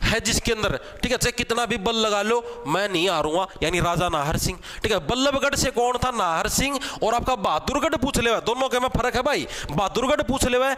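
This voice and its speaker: A man's voice: very high-pitched, lively intonation, a little fast, few pauses, fairly bright tone. A young man with a Haryanvi accent teaching an exam-prep class. He chats and teases, uses joking memory tricks, and keeps checking in with "theek hai". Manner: chatty, teasing, repeats "theek hai" as a check-in.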